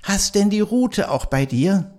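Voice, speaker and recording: A man's voice: high-pitched, sing-song, unhurried, a little mellow, voice pushed up. A man reading a Christmas poem aloud and voicing the holy Christ Child in a raised, lilting voice. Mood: gentle.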